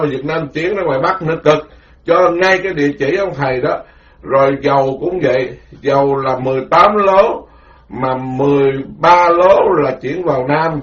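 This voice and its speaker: A man, a Buddhist monk, giving a rambling, animated dharma talk full of stories. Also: fairly high pitch. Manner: rambling, animated storytelling with quoted voices. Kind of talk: informal spoken sermon. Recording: dull lo-fi recording.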